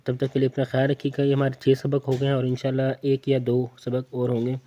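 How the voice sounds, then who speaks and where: Mellow-voiced man teaching Quran reading. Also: mid-range voice, monotone. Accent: Pakistani Urdu. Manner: patient, spells out letters and drills words repeatedly. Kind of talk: slow letter-by-letter recitation lesson.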